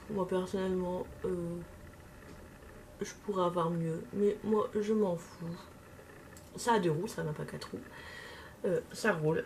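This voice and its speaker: A woman's voice: on the low side, a little mellow. Young woman w/ a bit of a lisp, chatting while doing makeup, lots of euhs, some faint hiss. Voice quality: slight lisp. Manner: hesitant, many fillers. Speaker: makeup vlogger.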